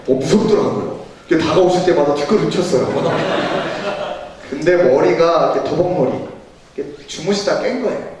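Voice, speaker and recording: High, lively male pastor teaching at a church seminar, animated storyteller; recorded far off in a very echoey hall. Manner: animated storytelling, acts out quoted dialogue.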